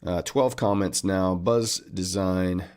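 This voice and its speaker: A man's voice: deep voice, fairly even intonation, slow pace, a little mellow, clear, resonant tone. A man hosting a trading livestream, chatting casually and upbeat with viewers and calling them man and buddy.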